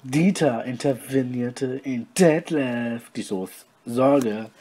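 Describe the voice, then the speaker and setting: A man reading a story aloud with deadpan, mocking asides. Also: medium pitch, takes it slowly. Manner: deadpan, mocking, comments on his own reading. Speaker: podcast host reading his story aloud.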